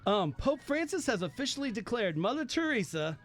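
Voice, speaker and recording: Animated, laughing male radio co-host. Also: very high voice, a little fast, over music. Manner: teasing, laughs often, animated delivery. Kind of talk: casual radio banter. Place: radio studio.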